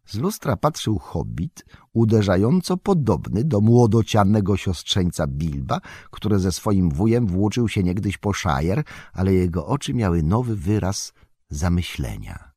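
A man narrates a fantasy audiobook with measured, expressive storytelling. His voice is low and husky, moving in lively pitch swings. The recording is close and completely dry. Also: dry recording.

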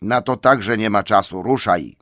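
A man voicing a brisk, commanding old male wizard in an audiobook, impatient and hurrying. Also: sits low, creaky, husky, no room sound, clean studio sound, full character voice. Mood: urging. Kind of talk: audiobook character voice.

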